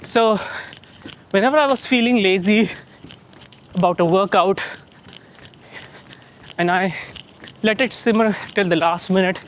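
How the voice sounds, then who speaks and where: A man with a high voice chats casually to his vlog audience while running outdoors. He speaks at a measured pace with frequent pauses, and some wind noise comes through the recording.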